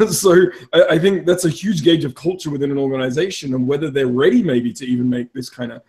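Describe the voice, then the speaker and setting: A man hosting a relaxed interview, self-deprecating and chatty with many fillers. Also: mid-range voice, fairly quick. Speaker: podcast host. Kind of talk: casual interview chat.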